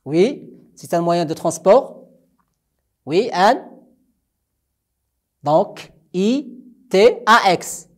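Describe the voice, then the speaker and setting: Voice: medium pitch, very animated, extremely slow, pauses often. A primary school French teacher, giving a recorded lesson and patiently repeating each word for the children to echo.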